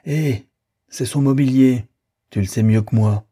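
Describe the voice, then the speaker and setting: A man's voice: lowish voice, moderate pace, dark tone, slightly rough. A man voicing a young lover in an audiobook, hurling accusations in a bitter, accusing way and then turning cold. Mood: indignant. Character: young man, jealous and coldly wounded lover.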